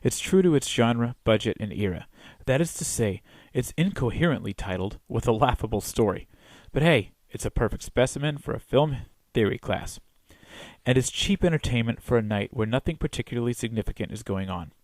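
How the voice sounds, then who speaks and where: A man with a mid-pitched voice reads a scripted film review. His delivery is wry and opinionated, and the sound is very dry and close, with no room echo. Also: animated, fairly quick, a little mellow.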